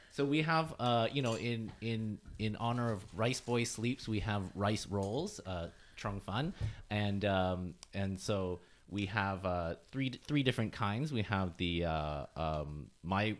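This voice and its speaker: A man hosting a casual podcast chat in a low voice. He hedges and restarts often, fills his sentences with fillers and laughs easily. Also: measured pace. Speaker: podcast host. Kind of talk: casual conversational interview.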